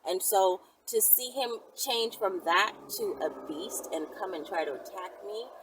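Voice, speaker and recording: A woman with a medium-pitched voice speaks at a measured pace while hosting a casual question-and-answer video. Her chat is frank, conversational and emphatic. The mic sounds distant, with clear background noise.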